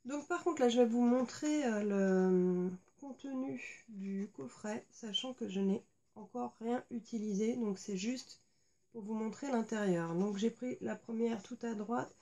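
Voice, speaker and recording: A woman's voice: a little high, gravelly, dark tone. A woman chatting casually as she unboxes and shows makeup at home, talking with many hesitations and fillers. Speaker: beauty vlogger. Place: indoors at home.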